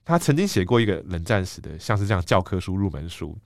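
A middle-aged man with a Taiwanese Mandarin accent, speaking as an interview guest. He explains things in a measured, thoughtful way and often fills pauses with "ah". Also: deep voice, big pitch swings, vocal fry, dry recording, clean studio sound. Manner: measured, thoughtful, frequent "ah" fillers. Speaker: guest, book editor-in-chief.

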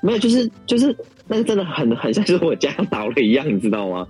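A man's voice: fairly high pitch, wildly swooping pitch, quick pace, darkish tone, slightly rough. A man with a Taiwanese Mandarin accent chats casually and candidly over an overseas phone call, rambling and repeating himself as he tells stories. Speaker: podcast co-host. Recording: overseas phone call, faint music behind.

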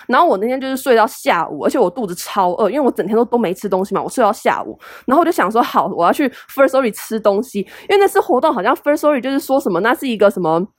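A woman's voice: on the high side, no room sound, studio quality. A young woman with a Taiwanese Mandarin accent, hosting a solo podcast in a chatty, self-deprecating way full of fillers. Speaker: podcast host. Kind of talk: casual solo podcast advice.

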